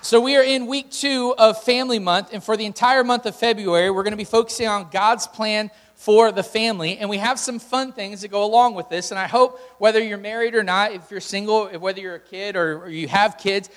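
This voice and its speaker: A man's voice: high voice, fairly even intonation, brisk, few pauses, a bit bright. A man speaking as a pastor, giving informal welcomes and announcements and addressing his congregation directly in a conversational way. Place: large church room with PA. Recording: hall reverb, music behind.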